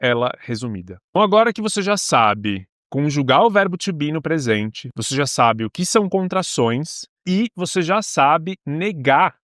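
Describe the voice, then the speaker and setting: A man's voice: on the high side, big pitch swings, fairly bright tone, no room sound, clean studio sound. Patient Brazilian man teaching basic English. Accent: Brazilian Portuguese. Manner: patient, step-by-step explaining, slows down for English words. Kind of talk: beginner English lesson.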